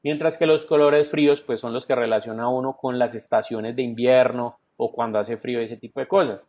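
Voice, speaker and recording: Over a video call from home or an office, a Colombian Spanish-accented teacher walks students through the material step by step, frequently using "entonces" and asking "¿sí?" to check in. His voice is medium-pitched, steady, a little fast and a little mellow, and the computer mic gives it dull lo-fi online class sound.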